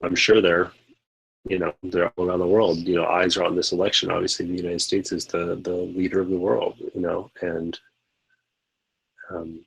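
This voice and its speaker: A man's voice: low-pitched, flat delivery, normal speed, vocal fry, breathy edge, low-quality recording. A man co-hosting a live podcast, talking politics in a rambling way with many fillers and restarts. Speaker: podcast co-host. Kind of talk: casual political discussion.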